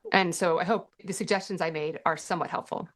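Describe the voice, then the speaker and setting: A woman's voice: lowish voice, steady tone, fast talker. A middle-aged woman hosting a parenting workshop, answering questions in a chatty way with dry sarcastic asides. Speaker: workshop host and parent advocate. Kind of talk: casual teaching Q&A.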